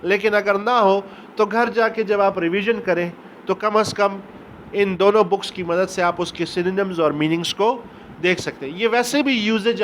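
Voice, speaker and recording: A man, an English teacher giving a recorded lecture, explaining step by step and reading English passages slowly. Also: high voice, a bit bright, slight background noise. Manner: explains step by step, often asks "ٹھیک ہو گیا؟".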